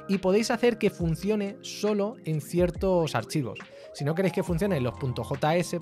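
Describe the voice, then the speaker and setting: A man's voice: on the high side, a little mellow. A man giving casual live-stream commentary, blunt and joking, full of colloquial interjections. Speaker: streamer reviewing web portfolios.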